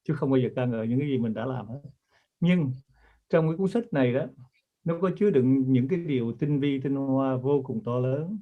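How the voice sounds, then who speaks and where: A man's voice: mid-range voice, fairly quick, narrow, tinny audio. A man speaking earnestly to an audience as author and teacher, repeating himself for emphasis. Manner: earnest, repetitive. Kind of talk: talk to an audience.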